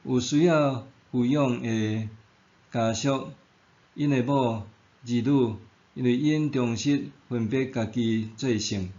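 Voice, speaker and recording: Slow-reading man with Taiwanese Hokkien accent. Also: mid-range voice, warm tone, dull audio. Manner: measured, formal read-aloud delivery. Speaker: devotional reader and narrator. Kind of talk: scripted devotional narration.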